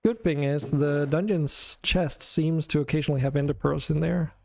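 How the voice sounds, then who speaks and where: A man's voice: fairly high pitch, steady tone, normal speed, gravelly, darkish tone, no room sound. A man hosting a game stream, chatting casually and thinking aloud with some hesitation. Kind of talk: casual chat while playing a game.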